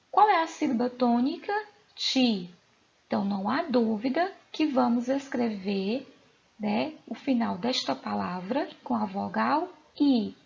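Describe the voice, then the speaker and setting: A woman teacher with a Brazilian Portuguese accent, giving a recorded lesson to children, slow and emphatic, repeating rules and asking questions. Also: on the high side, gravelly, darkish tone, lo-fi sound.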